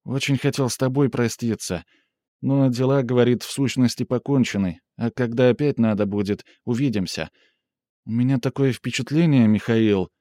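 A man reading aloud and voicing an anxious, devoted young woman, his voice lifted higher and urgent with worry. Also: normal speed, dark tone, no room sound, studio quality, lightly acted. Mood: worried. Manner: raised, urgent, worried pleading.

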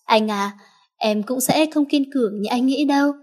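A woman voicing a young heroine who is cold and deadly with enemies but soft and pleading with her lover. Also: high voice, normal speed.

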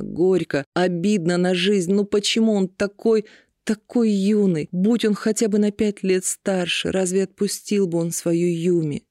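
A man reads a fantasy audiobook with a steady, measured delivery. His voice sits a little high for a man, and the recording is dry and close with no room sound. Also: no room sound. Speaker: audiobook narrator. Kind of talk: scripted narration.

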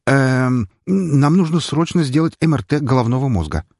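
A man's voice: moderate pace, no echo, studio quality. A man voicing a flustered, evasive middle-aged male doctor who speaks in a nervous, raised voice. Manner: nervous, high-pitched and excited.

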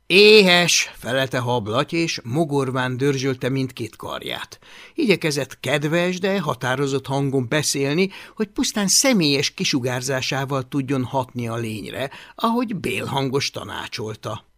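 Animated male audiobook narrator. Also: medium pitch, no room sound. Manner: expressive, animated reading. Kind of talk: storytelling narration.

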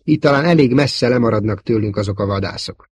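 A man voicing a bold young male rebel fighter pilot who shouts urgent commands. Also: fairly low pitch, breathy edge, no echo. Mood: urgent commanding.

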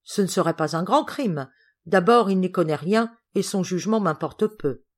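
Audiobook lady cousin, prim and indignant, read by a woman, low-pitched. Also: lively intonation, normal speed. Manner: indignant, accusing, precise. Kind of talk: audiobook character reading.

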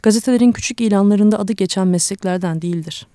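A woman's voice: medium pitch, fast, dark tone, no room sound, clean studio sound, natural voice. A woman reading a sick, proud old grandfather. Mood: weary. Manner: weary, reflective, kindly.

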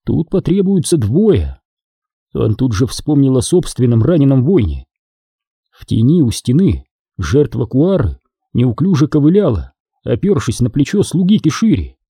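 A man narrates an audiobook with lively, expressive intonation. His voice is very dark and mellow with a husky edge, recorded close and dry. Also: mid-range voice, moderate pace, no room sound. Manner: expressive storytelling. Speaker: audiobook reader. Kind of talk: scripted narration.

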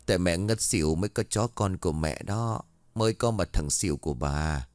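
A man's voice: low voice, normal speed, darkish tone, dry recording, pitched below the performer's own voice, lightly acted. A man voicing a tender, playful young village mother in a spoken ghost story. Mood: doting.

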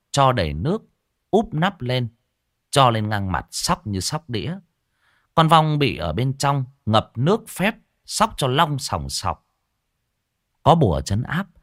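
A man's voice: mid-range voice, dry recording, clean studio sound. A man narrating a ghost story with vivid, dramatic telling.

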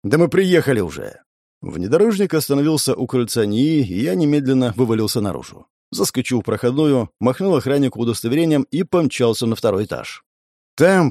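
A man narrating a first-person story in a brisk, expressive reading. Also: mid-range voice, dry recording, clean studio sound. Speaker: audiobook narrator.

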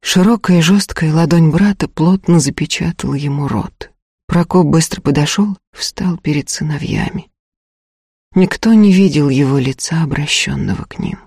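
A woman's voice: low-pitched, moderate pace, warm tone, slightly rough, no echo, clean studio sound. A woman reading a dramatic historical novel aloud as audiobook narrator. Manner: dramatic storytelling.

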